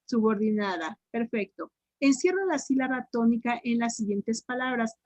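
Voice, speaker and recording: A Mexican woman with a Mexican Spanish accent tutors grammar online, running a drill and echoing back each student's answer. Her fairly high voice is expressive and a little mellow, and she draws words out slowly, syllable by syllable. The sound is dry and close.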